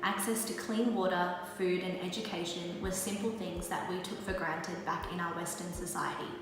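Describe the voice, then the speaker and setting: A young woman from Australia giving a scripted voice-over in an even, earnest read. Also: lowish voice. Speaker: founder's daughter. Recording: long hall reverb with music.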